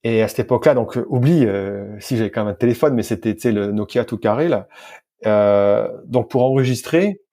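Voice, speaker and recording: A Frenchman with a lowish, dark voice speaks a little fast while recounting his work as a sports scientist and physical coach on a podcast. The conversation is relaxed and colloquial, marked by repeated words and self-corrections.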